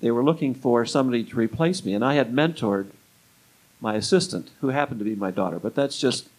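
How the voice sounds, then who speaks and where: Speaking quickly at a medium pitch, a retired music club booker shares rambling stories as an older interview guest, now and then voicing quoted dialogue. The recording is rough.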